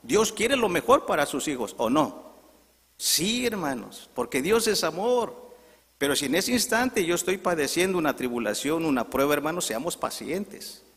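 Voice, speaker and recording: A man's voice: a little high, sing-song, normal speed, fairly bright tone, long reverb tail. A man preaching a sermon, asking the congregation questions.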